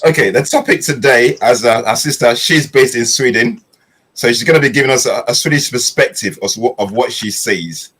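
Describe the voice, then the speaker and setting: A man's voice: mid-range voice, moderate pace, fairly bright tone, slightly rough, poor audio. A man hosting an online panel, welcoming listeners with emphatic greetings. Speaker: host.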